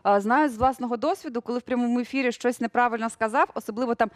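Жінка-продюсерка новин у студійному інтерв'ю, сухий звук. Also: female voice, fairly high pitch, rapid-fire, no room sound, clean studio sound. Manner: relaxed, chatty, with many fillers and occasional laughs. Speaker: news producer, studio guest. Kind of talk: casual studio interview.

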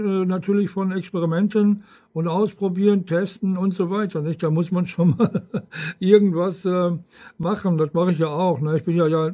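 A man with a high, narrow voice rambles through a casual ham radio chat, often tacking tag questions onto his sentences. The audio sounds tinny.

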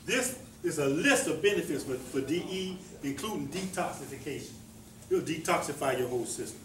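A man with a fairly high voice gives a folksy, rambling talk, repeating himself and tossing questions out to the people in front of him. He sits back from the microphone, so he sounds distant in an echoey room. A faint hum of room noise runs underneath. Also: expressive, fairly quick. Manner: folksy, repetitive, asks the audience questions. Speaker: presenter teaching about herbs. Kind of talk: informal talk to a small audience.

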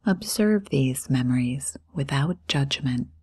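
A woman's rumbling low, slightly mellow voice leads a guided meditation, breathy and whispery but animated. Her soothing, unhurried delivery comes in short phrases broken by long pauses.

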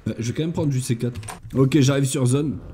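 A man's voice: medium pitch, a little fast, mellow, slight background noise. A man hosting a gaming channel, chatting casually and thinking aloud as he plays, with jokey asides. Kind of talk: casual let's-play commentary.

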